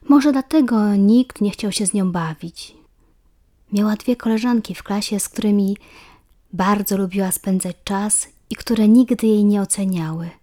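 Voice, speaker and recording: A woman reading a children's story aloud, often dropping to a soft whisper in the narration. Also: mid-range voice.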